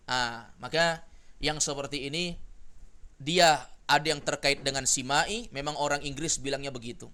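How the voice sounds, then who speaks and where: A man's voice: a little high, fairly bright tone. Indonesian man teaching, quizzing his class. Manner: asks the class questions and has them repeat answers. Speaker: Arabic grammar teacher. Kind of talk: classroom lesson.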